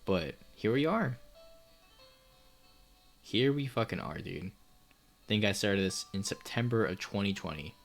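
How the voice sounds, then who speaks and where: A young man giving let's play commentary on a game, excitable, swearing a lot and laughing often. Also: lowish voice, measured pace, creaky, pauses often, soft background music. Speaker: gaming YouTuber.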